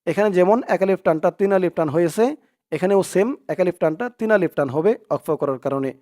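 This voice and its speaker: A man's voice: sits high, fast talker, dark tone. A man teaching Quran recitation, spelling out syllables one by one and repeating them for his students. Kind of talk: step-by-step recitation lesson.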